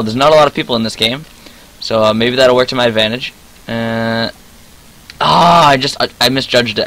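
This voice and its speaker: Teen male gamer narrating his play, bright voice, easily frustrated, yelps and voice cracks. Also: medium pitch, rough recording. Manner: excitable, frustrated outbursts, voice cracks. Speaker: gaming channel host. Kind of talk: live gameplay commentary.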